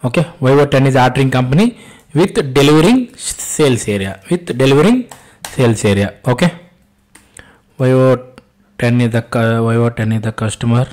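Walking learners through software on a screen share, this instructor, a man with an Indian accent and a mid-pitched voice, talks expressively at normal speed. His unscripted, step-by-step explanation features repeated phrases and quick self-posed questions that he then answers.

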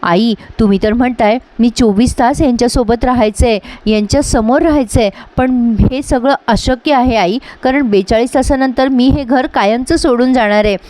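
A woman voicing a sad, resolute young wife who speaks quietly and gravely. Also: fairly high pitch, normal speed, hardly any pauses, no echo, natural voice, low-quality recording.

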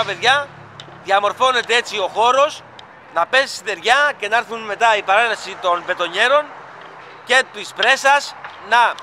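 A man's voice: high-pitched, sharp tone. A man with a Greek accent filming a construction site, chatting enthusiastically to his viewers as he walks with his camera. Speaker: fan vlogger filming a stadium construction site. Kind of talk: casual handheld vlog commentary. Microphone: camera mic, filming handheld. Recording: outdoor site noise behind.

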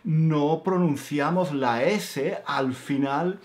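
A man's voice: fairly high pitch, a little mellow. A man in his fifties from Granada with an Andalusian accent, telling a personal story as a Spanish teacher, repeating phrases for emphasis. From Granada, Spain. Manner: slow, repetitive, emphatic, with frequent fillers. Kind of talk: storytelling lesson for learners.

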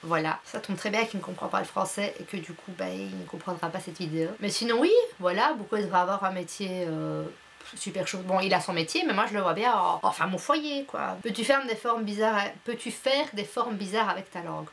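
A young Belgian YouTuber answers a casual vlog questionnaire from her bedroom, blunt and playful and full of fillers. Her voice is medium-pitched and fairly bright with vocal fry, she talks a little fast, and there's slight background noise.

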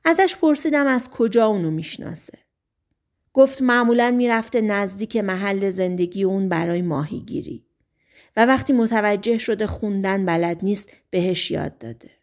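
A woman's voice: medium pitch, a little mellow, close to an everyday voice. A woman voicing an eager male small-town deputy in an audiobook, dropping her voice to report what he has heard.

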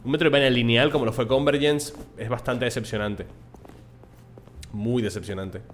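A man's voice: medium pitch, fairly even intonation, normal speed, faint music behind. Spanish-accented man muttering through a game. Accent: Spain Spanish. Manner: chatty, muttering to himself, swearing casually. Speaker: gameplay streamer. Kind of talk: casual let's play commentary.

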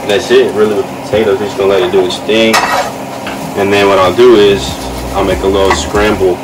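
A young adult fitness vlogger chats casually with his viewers while cooking in his home kitchen, laid-back and talkative. His voice is on the low side, flat, and a little fast. A camera set on the counter a few feet away records him, so the sound is distant and very noisy, with music playing behind.

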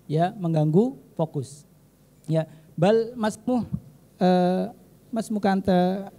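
A man with an Indonesian accent, a teacher giving deliberate, hesitant spoken feedback on student speeches. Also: high voice, mellow. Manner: deliberate and measured, with frequent hesitations. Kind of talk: formal critique read from notes, mixing Arabic and Indonesian.

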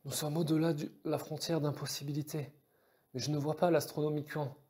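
Trembling, frightened female starship navigator voiced by a male audiobook reader; lifted, urgent delivery with a mellow tone. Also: a little high, fairly even intonation, quick pace, roomy sound, voice pushed up, close to an everyday voice. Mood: terrified. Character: terrified female starship navigator, young adult. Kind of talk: audiobook character voice.

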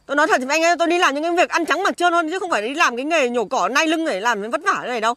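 An indignant wife with a Northern Vietnamese accent, played by a woman, scolding in a very high, bright voice at racing speed. The voice is dry and close, in an amateur outdoor skit. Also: racing, no room sound. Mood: defiant. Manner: scolding, insistent. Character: hardworking wife, defiant and indignant. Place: outdoors in an orchard.

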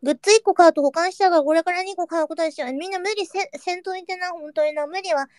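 High-voiced playful young woman streamer. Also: racing, darkish tone, no room sound, studio quality. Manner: playful, chatty, drops into whispers for jokes. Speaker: streamer reading chat. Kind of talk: casual livestream chat.

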